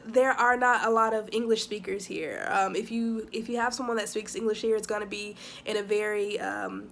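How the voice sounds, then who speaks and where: A young woman chatting casually to camera in a vlog, talking quickly with lots of fillers and asides. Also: mid-range voice, steady tone, gravelly, a bit bright. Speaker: vlogger living abroad.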